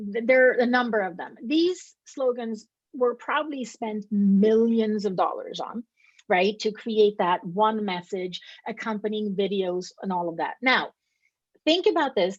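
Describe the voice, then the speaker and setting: A woman's voice: mid-range voice, measured pace, no room sound, lo-fi sound. Middle-aged Swedish-born woman explaining emphatically. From Sweden. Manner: explanatory, emphatic, with repeated rhetorical "right?". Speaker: interview guest, company co-founder. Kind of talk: conversational interview.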